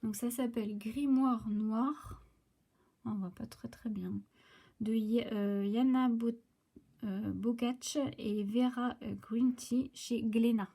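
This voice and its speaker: A woman's voice: fairly high pitch, steady tone, slow pace, gravelly, dark tone, husky. A French woman talks casually to the camera about new book releases, hesitating with many fillers and restarts, recorded on her phone.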